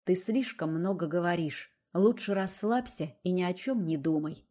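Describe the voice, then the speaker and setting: A woman reading the lines of a domineering adult man who speaks low, coaxing and curt. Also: normal speed, mellow, natural voice. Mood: coaxing, cold. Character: forceful domineering adult man, cold and insistent.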